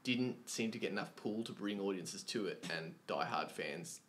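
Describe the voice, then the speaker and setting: A man's voice: on the low side, moderate pace, a bit bright, slight background noise. A man co-hosting a podcast, chatty and loose in casual conversation. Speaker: podcast co-host. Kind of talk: casual chat.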